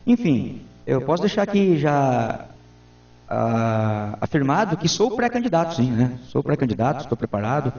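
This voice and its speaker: A man's voice: medium pitch, sing-song, moderate pace, mellow. A man in his forties, a town councilman, giving earnest, formal answers in a local TV interview. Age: 40s. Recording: roomy, distant, dull lo-fi sound.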